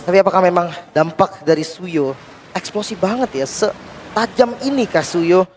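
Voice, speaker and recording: A man's voice: high voice, lively intonation, moderate pace, noisy background. A man giving live esports commentary as the analyst, often posing rhetorical questions about the match. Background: game music.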